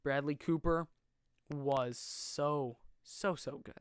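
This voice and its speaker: A young man hosting a podcast, reviewing a film in a casual, rambling, excitable way and often correcting himself mid-sentence. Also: a little high, slow pace, clean tone, no room sound, studio quality. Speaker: podcast host.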